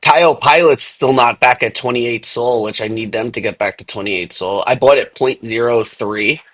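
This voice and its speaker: A man's voice: mid-range voice, normal speed, fairly bright tone. A young man hosting a casual crypto chat, laid-back and filling his talk with "dude" and "like". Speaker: podcast host.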